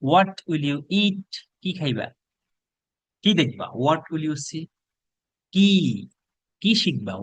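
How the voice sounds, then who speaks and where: A man with a Bangladeshi accent teaching a spoken English lesson, drawing out each model sentence slowly and giving quick translations in between. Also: high voice, no room sound.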